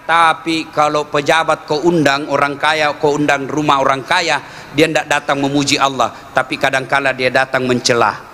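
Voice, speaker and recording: A man preaching a comic sermon, animated and rising to loud exclaimed questions. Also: normal speed, a little hiss or hum. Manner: acts out quoted voices with big pitch swings. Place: live event with audience.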